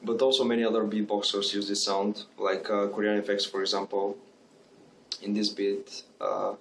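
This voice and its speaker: A man explaining a beatbox technique in a casual tutorial, halting with many fillers. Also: on the low side, level tone, creaky, fairly bright tone, slight background noise.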